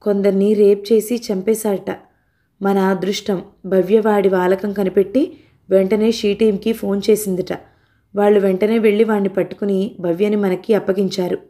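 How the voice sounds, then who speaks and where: A weary middle-aged father from an audio storybook, speaking slowly and quietly, as a woman reads his part. His tone is subdued and mellow throughout. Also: medium pitch, flat delivery, natural voice. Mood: somber. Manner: slow, subdued.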